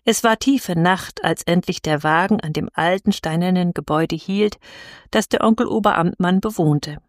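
A woman calmly reading a classic children's story aloud as narrator, in a measured storytelling manner. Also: on the low side, no echo, studio quality.

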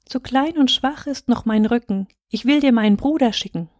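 A woman voicing a kind, helpful young fish in a storybook fairy tale, speaking gently. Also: fairly high pitch, moderate pace, dry recording, studio quality, close to an everyday voice.

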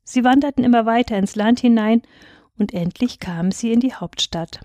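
A woman reading a fairy tale aloud in a clear, measured storytelling voice. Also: a little high, dark tone, dry recording. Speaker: reader.

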